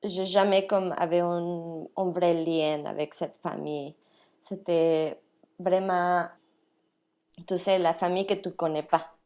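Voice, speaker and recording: In a warm, lowish voice, a woman from Mexico who works at a restaurant shares her story slowly and steadily as an interview guest. She's chatty and casual, laughs a lot, has a Mexican Spanish accent, and drops in English words.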